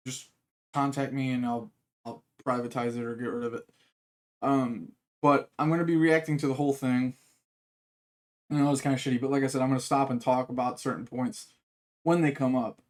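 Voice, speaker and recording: Man, rambling reaction streamer, casual, lots of fillers, mid pitch. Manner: rambling, full of fillers and restarts. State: hiccups.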